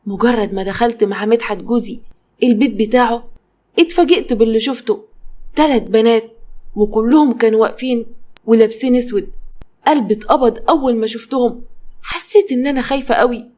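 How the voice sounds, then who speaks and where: A woman's voice: a little high, quick pace, dark tone. A woman with an Egyptian Arabic accent narrating a first-person story in a chatty way, turning to her listeners now and then. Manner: chatty, addresses listeners directly.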